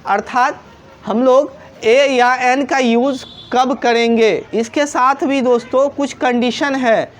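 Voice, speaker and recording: Female teacher, slightly high voice, patient repetitive classroom explaining, on words. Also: steady tone, takes it slowly. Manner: repeats points, asks rhetorical questions. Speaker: English teacher. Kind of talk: Hindi grammar lesson at a board.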